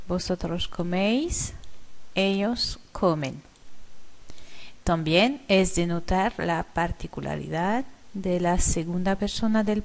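A woman teaching a grammar lesson, explaining verb forms in a slow, deliberate way with frequent hesitant fillers. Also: mid-range voice, darkish tone. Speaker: language teacher.

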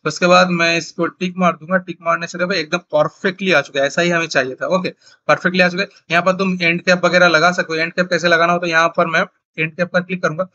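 Young man, from India, software tutorial, thinking aloud, self-correcting, bright voice, dull lo-fi mic. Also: sits high, level tone, fast talker, no echo. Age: young adult. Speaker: CAD tutorial instructor. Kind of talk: screen-recorded software tutorial.

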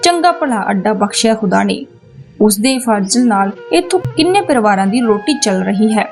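A woman's voice: medium pitch, expressive, moderate pace, a little mellow, soft background music, natural voice. A woman voicing a pious grown male shopkeeper who moralizes earnestly, in a storybook narration.

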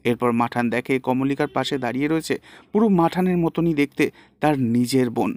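A man telling what happens next in a TV serial, reading it as brisk scripted narration. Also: a little mellow, no room sound. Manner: brisk storytelling, reads quoted lines with raised pitch.

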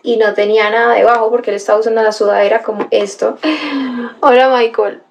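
A young woman, her voice pitched high. She tells a story in a casual livestream chat, full of exclamations and little gasps, and breaks off to greet viewers by name. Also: little pitch movement, fairly quick. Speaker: livestream host reading chat.

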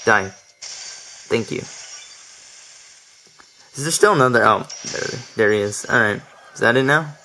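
A man's voice: mid-range voice, fairly quick, pushed and bright, slight background noise, rough recording. A young man casually commentating his gameplay, chatty and laughing often, tripping over his words. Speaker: let's play commentator. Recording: faint game music behind.

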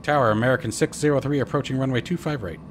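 A man's voice: mid-range voice, very fast. A man playing an airline pilot in a flight sim, making clipped, procedural radio calls and readbacks to air traffic control over a cockpit headset.

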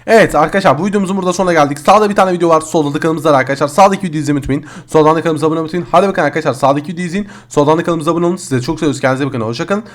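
A man's voice: fairly high pitch, racing, hardly any pauses. A man hosting a gaming video, talking casually through his gameplay and addressing the viewers as friends.

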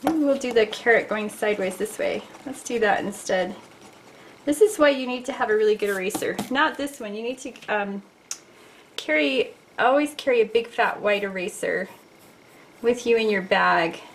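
A woman's voice: medium pitch, normal speed, a little hiss or hum. A middle-aged woman teaching a casual drawing lesson, chatty and playful, talking to her viewers as she sketches at a desk. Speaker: art teacher.

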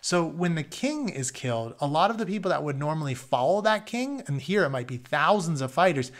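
Reading a storybook aloud indoors at a desk in his carpeted home office, this man in his thirties has a slightly high voice with big pitch swings and a somewhat fast pace. He moves informally between narrating and explaining words plainly to his listeners.

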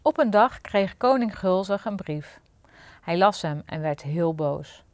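A woman's voice: fairly low pitch, a little slow, dry recording. Woman reading a fairy tale aloud. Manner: clear, lively storybook narration. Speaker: storyteller.

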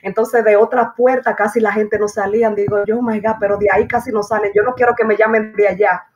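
A woman's voice: mid-range voice, steady tone, quick pace, dull audio, slight background noise. Woman, strong voice, casual storytelling, acts out dialogue, mixes in English phrases. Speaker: interview guest.

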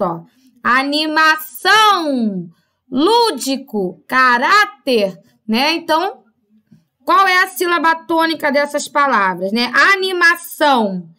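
A woman's voice: high-pitched, bright, forceful tone. A woman teaching a primary school class, explaining each point step by step and checking in often with her pupils. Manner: patient, explains step by step with frequent "tá?" and "né?" check-ins.

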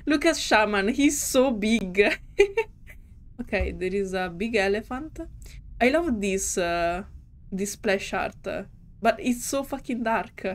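Woman streamer, slow and giggly, mid-pitched game reading. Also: lively intonation. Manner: slow, giggly and hesitant, with restarts. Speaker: gaming streamer. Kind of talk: reading a story game aloud with commentary.

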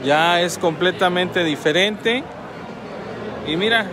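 A man's voice: sits high, takes it slowly, a crowd in the background. A man with a Mexican accent casually reviewing a restaurant meal, repeating phrases and laughing often, filmed on a phone at a table near a road. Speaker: food vlogger.

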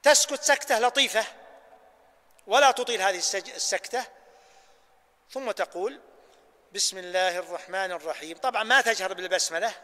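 A man with a Najdi Arabic accent teaching a sheikh's lesson on prayer, demonstrating recitations with slow, drawn-out readings. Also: sits high, bright, forceful tone. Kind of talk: hands-on religious lesson. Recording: hall reverb.

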